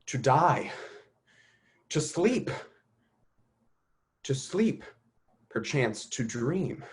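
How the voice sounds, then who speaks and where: A man's voice: medium pitch, sing-song, drawn-out words. A man playing a brooding melancholy prince. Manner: contemplative, rising to bursts of intensity. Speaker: actor. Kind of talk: Shakespearean soliloquy.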